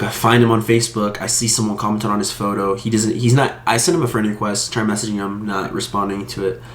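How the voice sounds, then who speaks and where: Male vlogger, aggrieved and heated, lowish voice, echoey room. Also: slight background noise. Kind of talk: casual storytelling to camera.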